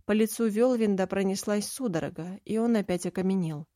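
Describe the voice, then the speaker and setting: A woman's voice: medium pitch, a little fast, dark tone, no echo, clean studio sound. A woman narrating a first-person audiobook in an earnest, emotive storytelling manner.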